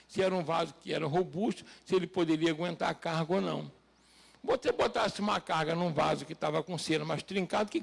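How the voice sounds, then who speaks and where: A man's voice: high voice, vocal fry, slightly rough. A male pastor delivering a sermon, peppering it with rhetorical questions to the congregation and rising to emphatic, raised passages.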